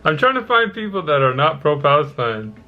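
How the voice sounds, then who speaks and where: A man's voice: on the high side, sing-song, brisk, dull audio. A man hosting his own video channel, talking earnestly to the camera and pressing strangers on a video chat with questions. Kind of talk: casual vlog intro and debate.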